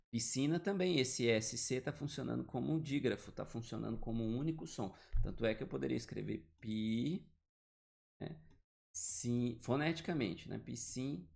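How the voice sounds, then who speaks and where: A man's voice: mid-range voice, vocal fry, darkish tone. A man giving an online grammar lesson, explaining step by step and often checking in with the listener. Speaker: teacher. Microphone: computer mic, drawing with the mouse.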